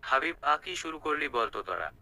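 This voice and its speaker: A man voicing a young male friend who calms the others and coaxes. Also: a little high, moderate pace, gravelly, dry recording, heavily acted. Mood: coaxing. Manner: coaxing, peace-making.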